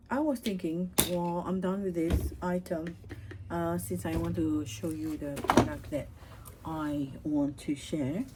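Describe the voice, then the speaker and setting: Woman, deep voice, slow unhurried talk, chatty rambling beauty vlog. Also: heavy background noise. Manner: rambling, chatty, many fillers and restarts. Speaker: beauty vlogger. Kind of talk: casual makeup chat.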